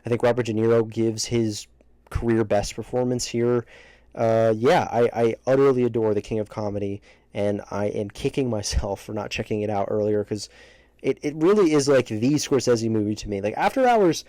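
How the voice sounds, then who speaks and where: Man giving halting, emphatic movie commentary, dry sound. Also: fairly low pitch, dark tone, dry recording. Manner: halting, self-interrupting, emphatic. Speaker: movie reviewer ranking films. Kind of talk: casual opinionated video commentary. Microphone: close microphone, breaths hitting it.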